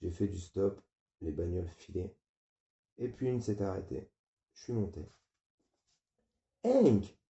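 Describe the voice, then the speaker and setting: A man reading a novel aloud in a flat, weary first-person narration. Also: low voice, normal speed, creaky, pauses often. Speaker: audiobook reader. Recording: muffled, roomy.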